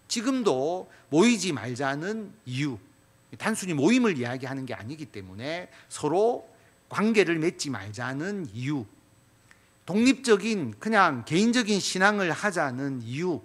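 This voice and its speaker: A male pastor delivers a sermon with a fairly high voice that rises and falls a great deal. He presses his points with emphatic appeals, and his sentence endings trail off quietly. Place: church sanctuary.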